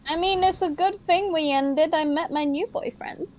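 A woman's voice: very high voice, moderate pace. A British woman chatting and teasing on a voice call, laughing often. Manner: giggly and teasing. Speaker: voice call guest. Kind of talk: casual chat. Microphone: voice chat microphone.

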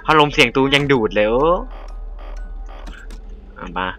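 A man's voice: medium pitch, fast, bright, forceful tone, soft background music. A young man doing let's play commentary, swearing, yelping in fright and chatting to viewers over a cheap desk mic. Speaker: gamer.

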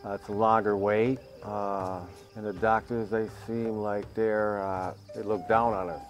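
A man patient speaking hesitantly, with many pauses, in a documentary interview. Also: fairly low pitch, level tone, lo-fi sound, soft background music. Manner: hesitant, halting. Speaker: clinic patient.

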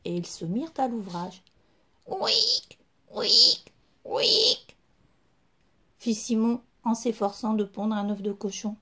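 A woman storyteller reading a children's story aloud in an unhurried, expressive way. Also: medium pitch.

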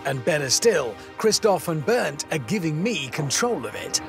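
A man narrating a documentary voice-over in a wry, lively way. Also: on the high side, normal speed, gravelly, faint music behind.

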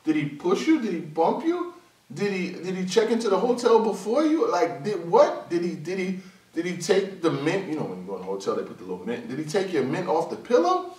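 A man giving a casual, slangy vlog commentary on battle rap, animated and quick to slip into high-pitched mimicry. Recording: roomy echo, voice from a distance.

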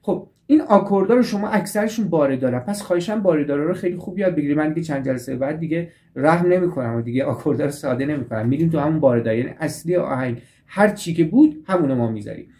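A man's voice: fairly high pitch, expressive, dark tone. A man teaching a guitar lesson, patiently walking through chord shapes and repeating each step. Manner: patient, repeats and restates steps. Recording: guitar playing behind the voice.

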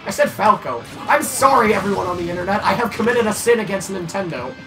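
A man's voice: sits high, fast talker. A young man bantering and ranting while playing a fighting game with friends. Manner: excitable, ranting, joking. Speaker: gamer. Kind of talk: casual gaming banter. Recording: game music behind voices.

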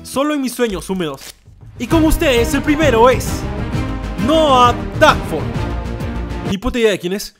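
A young man streaming from a small room into a boom mic, sarcastic and hyper, swearing a lot and calling everyone bro. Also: expressive, a little slow, long pauses, music in the background. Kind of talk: comedic vlog. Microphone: desk boom mic.

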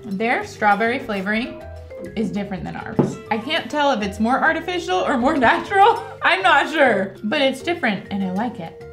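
A woman's voice: fairly high pitch, expressive, normal speed, music in the background. A pregnant woman with an American accent, co-hosting a snack taste test with chatty, wry remarks. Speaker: co-host.

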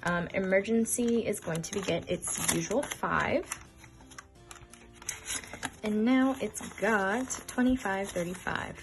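A woman's voice: medium pitch, slow, pauses often. A woman in her twenties chatting casually as she counts bills aloud and stuffs budget envelopes, getting flustered now and then. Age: 20s. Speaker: budgeting vlogger. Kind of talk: casual cash-stuffing vlog. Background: background music.

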